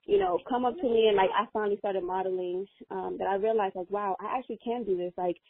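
Speaking fast and with animation at a medium pitch, a young woman whose native language is Spanish answers as an interview guest. She's earnest yet casual and meandering, peppered with fillers. There's no echo, and the recording has a tinny, phone-like dryness.

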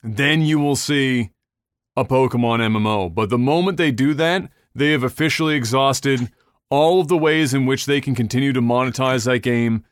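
A man's voice: mid-range voice, normal speed, clear, resonant tone, no echo, clean studio sound. A man hosting a casual gaming podcast, rambling through news with restarts and casual swearing. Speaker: podcast host.

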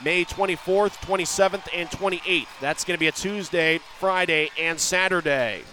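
A man doing rapid live hockey play-by-play as the announcer, in clipped running phrases that can swell into drawn-out shouted goal calls. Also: sits high, slight background noise, low-quality recording. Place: live at an ice hockey arena.

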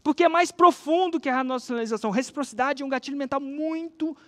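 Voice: high-pitched, fast, very noisy. A speaker with a Brazilian accent telling a story casually to teach a lesson about persuasion. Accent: Brazilian Portuguese.

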